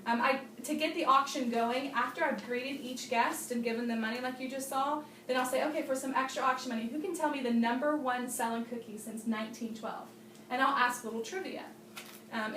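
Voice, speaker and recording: A woman's voice: fairly high pitch, a little hiss or hum. A woman giving a bubbly, chatty Tupperware party training demonstration to a small group, laughing often. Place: room with guests at a party demo. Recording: roomy sound from a distant mic.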